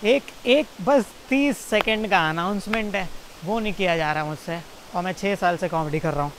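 A young Indian stand-up comedian in his twenties, with a high-pitched male voice, talks to camera outdoors beside a jungle stream, awkward, self-mocking and swearing. Rambling outtakes lead into a stand-up set, recorded on a distant mic with a faint hiss.

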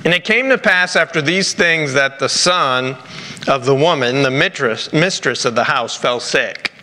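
Slow, bright-voiced Rhode Island pastor, a man. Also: medium pitch. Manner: halting, deliberate phrasing. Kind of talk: sermon with scripture reading. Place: large church sanctuary, at a pulpit. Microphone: lapel mic. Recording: echoey church hall with background noise.

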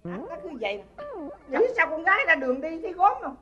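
A fussy, nagging older mother, acted by a woman in a stage comedy sketch, speaking with a Southern Vietnamese accent. Her voice runs high, bright and fast as she scolds and exaggerates. The recording sounds slightly dull, with faint music behind her. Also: big pitch swings. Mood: scolding. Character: fussy, picky older mother judging brides.

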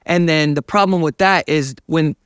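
Seated on a dark studio set, a young evangelist guest speaks about faith in an interview, fervent and preacher-like, gesturing as he talks. His voice is fairly high and fairly bright, clean, at a normal pace, with no room sound.

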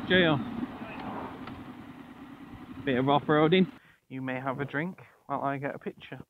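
A motovlogger with a mid-range, slightly slow voice chats casually while riding his motorbike outdoors, trading cheeky, sweary banter. He speaks into a helmet mic that sounds muffled, with loud engine and road noise in the background.

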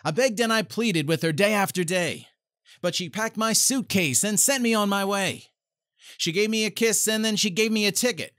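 A man's voice: high-pitched, fairly bright tone, dry recording. A man in his thirties or forties giving a hammy, theatrical dramatic reading, recorded close on a studio microphone in a small home studio. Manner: theatrical, with big swings and drawn-out phrases. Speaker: voice-over performer. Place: small home studio with foam-treated walls.

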